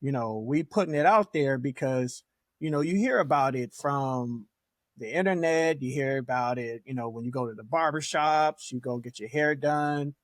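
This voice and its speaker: A man's voice: medium pitch, normal speed, dry recording, studio quality. A man co-hosting a podcast, laid-back and preachy, urging listeners to look at themselves. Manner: laid-back, preachy call to self-reflection. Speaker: podcast co-host. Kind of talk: casual talk-show conversation.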